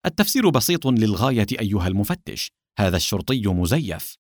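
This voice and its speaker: A man voicing a calm, sarcastic male secret agent in an audiobook. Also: lowish voice, fast talker, no room sound, studio quality.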